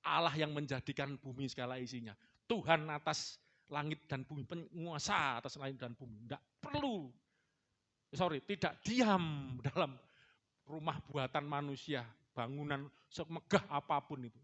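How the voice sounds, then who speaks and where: In church, a male pastor with an East Javanese accent delivers a casual, teasing sermon full of jokes, dropping in Javanese words. His voice is a little high and fairly bright, and the recording is dull and lo-fi.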